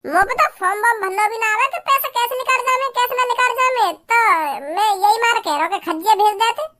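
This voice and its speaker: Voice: very high-pitched, quick pace, bright, forceful tone. A voice actor playing a silly, cowardly village boy in a cartoon comedy, rambling and stammering in a rustic dialect. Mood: whiny.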